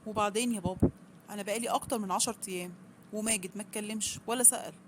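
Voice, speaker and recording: Young Egyptian wife, pleading, quick, read by a woman narrator, faint hiss. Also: mid-range voice, fairly even intonation, close to an everyday voice. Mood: upset. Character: young Egyptian wife, upset then remorseful.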